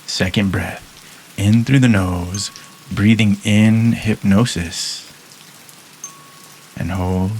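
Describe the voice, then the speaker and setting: A man guiding a listener through a hypnosis induction in a soft, calm, measured way with long pauses. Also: lowish voice, a little hiss or hum.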